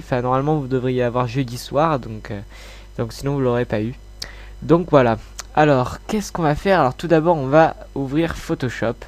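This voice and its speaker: A man's voice: medium pitch, darkish tone. Congested man giving a casual tutorial. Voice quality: congested, blocked-nose sound. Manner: informal, hesitant, mildly sweary. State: slightly ill with a cold. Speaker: tutorial host.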